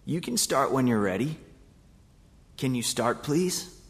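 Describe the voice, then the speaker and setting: A man's voice: mid-range voice, animated, measured pace, husky. A man voicing a curt, businesslike male audition judge, heard with a long hall reverb. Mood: brisk.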